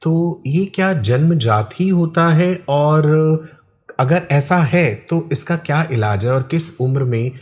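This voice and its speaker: A man's voice: on the high side, expressive, takes it slowly. Polite formal male interview host. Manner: polite, formal, frequent short affirmations. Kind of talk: hosted interview.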